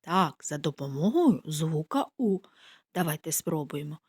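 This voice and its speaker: A woman preschool teacher giving a scripted literacy lesson, talking gently to small children and drawing out the vowel sounds. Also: low voice, sing-song, a little slow, husky.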